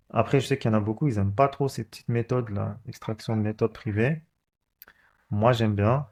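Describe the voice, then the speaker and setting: Guy rambling thru his code on screen, lowish voice, lots of euh and restarts. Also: a little mellow. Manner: thinking aloud, rambling, many fillers and restarts. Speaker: coding channel host. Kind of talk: casual screen-recorded coding walkthrough.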